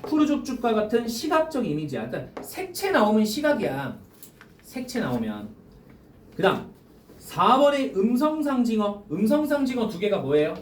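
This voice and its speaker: A male high school teacher lecturing a classroom through exam questions, constantly quizzing students and repeating key phrases. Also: huge pitch swings, moderate pace, slight background noise. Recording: echoey classroom heard from a distance.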